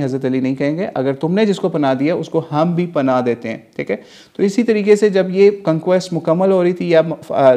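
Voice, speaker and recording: A Pakistani man with a fairly high, mellow voice leads an Islamic history lesson as a religious teacher. His delivery is story-like, full of self-posed questions he answers, with English words sprinkled throughout.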